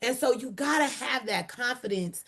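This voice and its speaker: A woman comedian and actor telling stories as an interview guest, bold and energetic in her delivery. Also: a little high, moderate pace, husky. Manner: bold, energetic, emotional at times. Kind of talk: animated interview storytelling.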